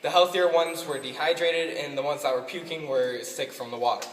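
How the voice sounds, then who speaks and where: A man's voice: fairly even intonation, brisk, a bit bright, slight background noise. A young man guides a group through a cave, cracking jokes between facts in a slightly raised voice. His voice rolls through heavy cave echo with a long tail. It reaches the mic from a few steps away. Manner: joking, upbeat. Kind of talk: guided tour talk to a group. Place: inside a cave, underground. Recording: booming cave echo from far off.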